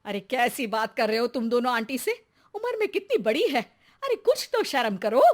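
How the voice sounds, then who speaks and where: A woman's voice: a little high, animated, normal speed, lightly acted. A woman voicing a nagging mother-in-law who pesters for a grandson. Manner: nagging, loud.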